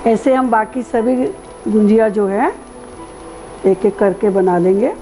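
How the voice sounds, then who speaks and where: Woman, middle-aged, cooking host, calm step-by-step instruction, warm dark tone, soft music underneath. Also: mid-range voice, rough recording. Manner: calm, explains each step slowly.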